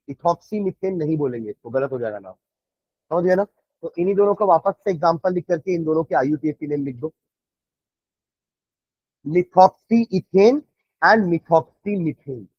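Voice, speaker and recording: तेज़ और धीमा बोलने वाला पुरुष शिक्षक, सूखी धीमी recording. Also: male voice, high-pitched, dry recording, lo-fi sound. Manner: switches between rapid explanation and slow word-by-word dictation. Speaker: chemistry teacher. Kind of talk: classroom lecture, dictating notes.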